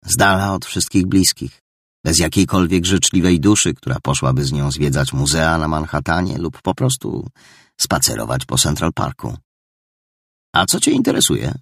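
A man giving a steady, measured scripted narration of an audiobook. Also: a bass voice, husky, no room sound, clean studio sound.

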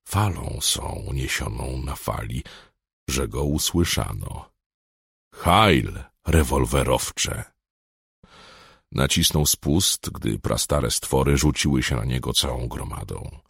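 A man's voice: a bass voice, lively intonation, slow pace, vocal fry, husky, no echo, studio quality. A man reading an audiobook aloud in a dramatic style, swelling on tense moments. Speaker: audiobook narrator. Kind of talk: scripted audiobook narration.

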